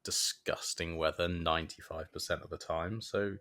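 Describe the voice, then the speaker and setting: A man co-hosting a podcast, an animated storyteller who swears for emphasis and laughs often. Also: sits low, moderate pace. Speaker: podcast co-host. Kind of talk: casual chat.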